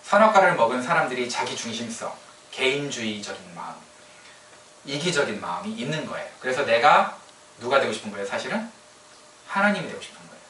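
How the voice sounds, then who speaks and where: A man's voice: medium pitch, very animated, a little fast, sharp tone, slight background noise. A man preaching a casual sermon, teasing the congregation and asking them questions. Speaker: pastor. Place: church sanctuary. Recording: echoey church hall from a distance.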